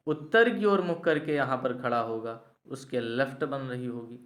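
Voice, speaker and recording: A man's voice: fairly high pitch, fairly bright tone. Echoey Hindi-speaking man teaching maths. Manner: explains step by step, asks "clear?" to check understanding. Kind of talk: classroom lecture explaining reasoning problems.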